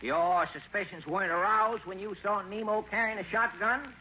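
A man's voice: high-pitched, normal speed, lightly acted. A man playing a brash, talkative small-town lawyer with joke-telling patter in 1940s radio comedy. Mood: brisk, theatrical. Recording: muffled old radio recording, faint noise.

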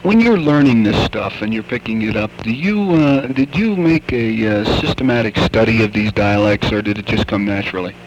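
A male interviewer with a low voice puts his questions slowly and haltingly, full of fillers. The tape is dull and lo-fi, with a faint hiss. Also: animated.

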